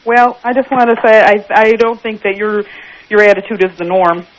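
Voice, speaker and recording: A woman's voice: mid-range voice, moderate pace, rough recording. A woman calling in to a radio show, arguing her side and defending herself. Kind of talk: debating on a call-in show.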